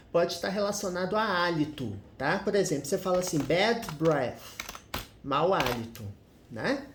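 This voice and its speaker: A man explaining English grammar step by step, checking in with listeners through frequent tag questions. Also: high-pitched. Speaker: English teacher. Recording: roomy echo.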